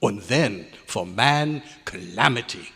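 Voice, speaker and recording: Lecturing gravely, the crusty old research scientist grumbles in exasperation, his phrasing inverted as if foreign, though he is fond at heart. The actor uses an exaggerated, fairly low male voice that is animated, slow and creaky, with a sharp tone and breathy edge. The recreation of an old radio drama plays live in an echoey convention hall at a hotel.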